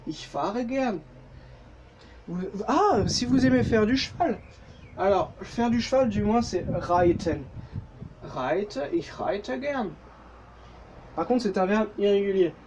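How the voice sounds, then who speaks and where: A man's voice: sits high, lively intonation, takes it slowly, long pauses, highs cut off, background noise. A man with a French accent giving a casual, jokey language lesson, full of fillers and self-corrections. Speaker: German teacher.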